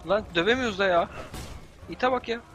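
A young Turkish man doing let's-play commentary, yelling and cursing at the game in exasperation. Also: high voice, a little fast, a little hiss or hum. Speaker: gameplay commentator.

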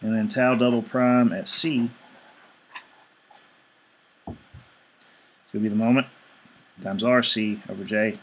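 A man's voice: fairly low pitch, fairly even intonation, measured pace, long pauses, slightly rough. A male engineering instructor giving a screencast lecture, explaining each step evenly and reading out numbers as he works.

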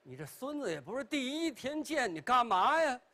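A man's voice: very high voice, big pitch swings, normal speed, sharp tone, heavily acted. A man voicing a flustered, puzzled old father in a storytelling performance, stammering and grumbling.

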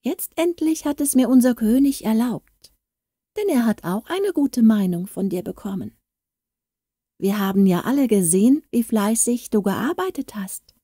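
A woman voicing a small, proud male dwarf who grumbles and lectures, read slowly in a storybook. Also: on the high side, warm tone, husky, no room sound, clean studio sound. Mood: kindly.

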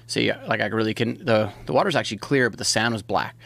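A man's voice: fairly low pitch, quick pace, creaky, fairly bright tone, dry recording. A man from Hawaii, talking as a podcast guest in casual chat, rambling with many restarts and fillers, close on a studio mic.

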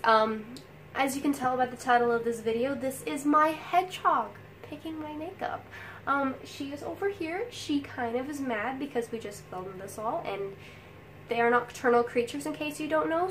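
This young woman's voice sits high and moves at a moderate pace, with a little hiss or hum in the recording. She's a beauty vlogger, sick and nasal, rambling through a casual makeup tutorial in her bedroom at home, filling gaps with lots of fillers.

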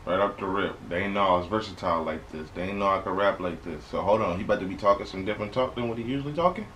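Young American male reaction host, lowish pitch, slangy and conversational, emphatic repeats, noisy home webcam sound. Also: very fast, fairly bright tone, highs cut off. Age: young adult. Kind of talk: casual reaction commentary. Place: small bedroom indoors. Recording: clear background noise, home webcam recording.

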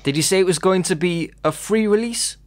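A man hosting an interview, asking questions in a measured, formal way. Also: high voice, no echo. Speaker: interview host.

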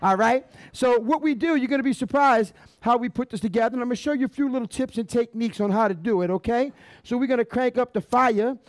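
A man's voice: extremely high pitch, quick pace, no echo. A middle-aged cooking show host. He demonstrates like a folksy showman, chatting to the crowd with catchphrases. The sound is close and dry from a headset mic. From Louisiana. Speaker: chef hosting a live cooking show. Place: restaurant dining room stage, indoors.

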